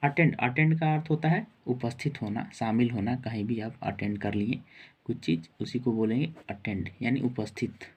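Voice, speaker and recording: Male teacher, mid-pitched voice, unhurried spelling lesson, lots of repetition. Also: a little mellow, slightly rough. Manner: spells out letters slowly, repeats words and adds "ठीक है". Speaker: English teacher.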